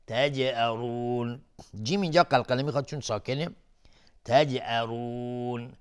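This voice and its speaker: Patient male recitation teacher. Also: mid-range voice. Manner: alternates plain explanation with slow, raised, melodic chanting of verses; patient, repeats words and breaks them into syllables. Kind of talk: televised recitation lesson.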